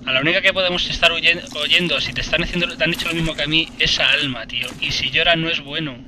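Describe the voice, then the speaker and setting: A man's voice: fairly high pitch, steady tone, fast, a crowd in the background. A man giving casual, swearing, joking let's-play commentary. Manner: swearing, joking, reacting aloud. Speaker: gameplay commentator.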